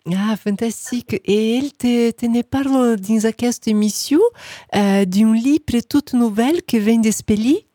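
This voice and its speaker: A woman from Brazil hosting a radio interview, lively and mixing Portuguese with Occitan. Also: on the high side, measured pace, dry recording, clean studio sound. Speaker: radio host.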